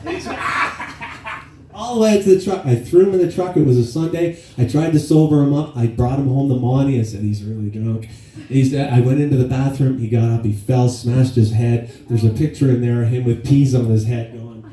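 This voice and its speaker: A man's voice: mid-range voice, moderate pace, dark tone, distant mic. Man in his fifties, echoey hall eulogy. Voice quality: plainspoken, casual with swearing. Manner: storytelling with laughs and acted quotes. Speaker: son giving a eulogy. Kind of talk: eulogy speech. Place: memorial gathering in a hall.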